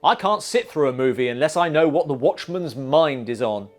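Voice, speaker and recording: A man's voice: a little high, expressive, moderate pace, crowd noise. A man hosting a comedic bad-movie review, narrating with dry sarcasm. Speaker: film reviewer host.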